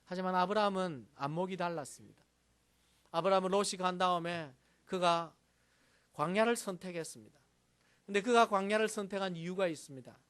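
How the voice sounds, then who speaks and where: A male pastor delivering a sermon in a measured, explanatory way. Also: high voice, a bit bright, clear, resonant tone.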